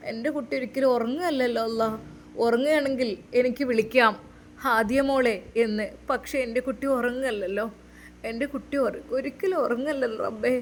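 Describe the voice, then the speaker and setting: A woman voicing a grieving father who speaks softly and brokenly to his injured daughter. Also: fairly high pitch, a little fast, slight background noise, close to an everyday voice. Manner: soft, broken and pleading. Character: grieving, tender middle-aged father.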